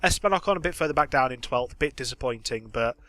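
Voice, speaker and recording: A man's voice: mid-range voice, expressive, fast talker, bright, forceful tone. A young man casually commenting on a racing management game, chatty and thinking aloud with plenty of fillers. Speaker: gaming channel host.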